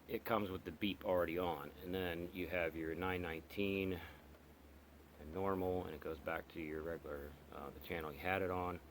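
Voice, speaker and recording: Reviewing a radio, a man casually goes through its features one step at a time. His low voice is halting, full of pauses, ums, and restarts, and there is slight background noise.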